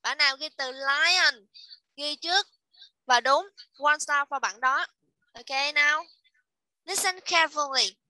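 A woman teaching an online English class to children, repeating each letter and word slowly and praising her pupils. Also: high-pitched, bright, forceful tone, no echo, rough recording. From Vietnam.

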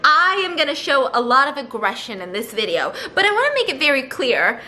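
A young woman hosting a vlog, chatting casually to camera with her partner in an excitable, dramatic, giggly manner. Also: sits high, fairly quick. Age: young adult. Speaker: vlog host. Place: living room and kitchen at home, indoors.

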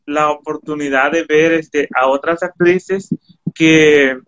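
A man's voice: fairly high pitch, fairly even intonation, slow, a bit bright, muffled recording. A man interviewing an actress, friendly and complimentary as he asks his questions. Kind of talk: casual interview chat.

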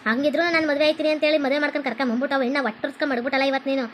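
A woman's voice: high voice, steady tone, very fast, slight background noise, lightly acted. A woman playing a nagging village mother-in-law. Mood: scolding. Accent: North Karnataka Kannada. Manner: scolding, nagging.

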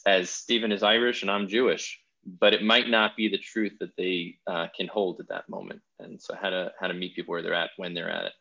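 A man's voice: low-pitched, gravelly, sharp tone, lo-fi sound. A man hosting a podcast interview, talking in an enthusiastic, thoughtful way with frequent restarts. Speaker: podcast host. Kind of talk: casual interview chat.

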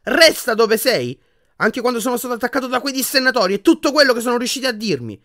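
A man's voice: mid-range voice, sing-song, moderate pace. A man voicing an angry, impatient teenage boy wizard in an audiobook, speaking in short, clipped bursts. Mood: shouting. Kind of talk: audiobook character voice.

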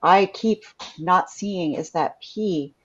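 A woman gives hesitant commentary on a board game, often restarting her sentences. Her voice is very low for a woman. The audio is dull and lo-fi. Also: slow, slightly rough. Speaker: Scrabble co-commentator.

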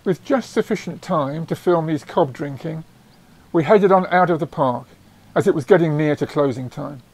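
A man giving scripted nature documentary narration in a measured, descriptive storytelling way. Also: on the high side, vocal fry, darkish tone. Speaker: narrator of own wildlife travel film.

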